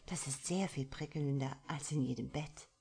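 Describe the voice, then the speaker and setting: A bold, coquettish middle-aged woman, as the female reader puts her on, teasing and unbothered. She lilts higher and livelier than the narrator's low reading voice. She sounds like a seductress straight out of an erotic audiobook. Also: normal speed, creaky, mellow, slightly rough, full character voice.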